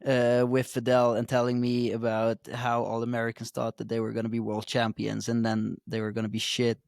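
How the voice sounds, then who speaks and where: A man's voice: mid-range voice, monotone, a little fast, gravelly, darkish tone, clear, resonant tone, no echo, clean studio sound. A man co-hosting a podcast, chatting casually with blunt, teasing banter. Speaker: podcast co-host. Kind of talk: casual chat.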